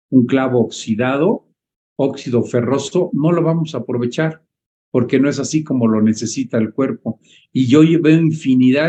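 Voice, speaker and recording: A doctor with a darker, mellow voice explains nutrition topics in a live online Q&A. He talks in a didactic way and often stops to check that his listeners are following. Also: medium pitch. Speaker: doctor answering questions.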